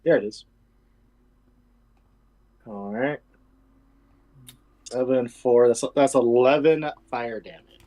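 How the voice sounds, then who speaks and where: A man's voice: mid-range voice, takes it slowly, long pauses, dark tone, rough recording. A man chatting casually as a player in a tabletop game. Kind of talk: casual chat.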